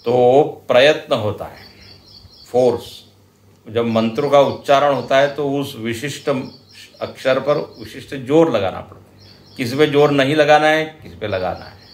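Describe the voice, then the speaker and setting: A man with an Indian accent giving a scripture lecture, explaining slowly and deliberately and chanting example verses now and then. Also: medium pitch. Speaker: spiritual teacher. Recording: roomy hall echo.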